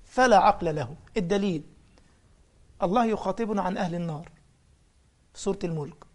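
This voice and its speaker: A man's voice: high voice, a little fast. A man with an Egyptian accent preaching a colloquial religious lesson, telling anecdotes and firing off mocking rhetorical questions. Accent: Egyptian Arabic.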